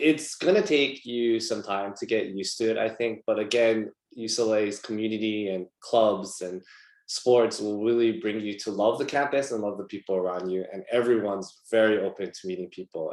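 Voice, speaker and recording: A man's voice: fairly low pitch, darkish tone. A young man from Hawaii speaking casually on an alumni panel, rambling a little and repeating words. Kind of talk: casual panel talk on a video call. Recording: echoey room.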